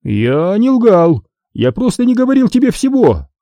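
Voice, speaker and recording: A nervous, fussy middle-aged dealer, babbling and quick to make excuses, voiced by a male narrator. He sits noticeably higher than the narrator's own voice and has a lively, anxious lilt. The sound is dry and close. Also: dry recording, heavily acted. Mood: flustered. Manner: flustered, babbling. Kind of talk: audiobook reading.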